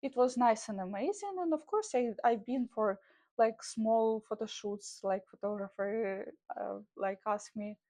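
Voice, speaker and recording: A young Ukrainian woman, a traveling model, chats casually in a vlog in loose English with a Ukrainian accent and frequent fillers. Her voice is a little high and warm, and she speaks a little slowly.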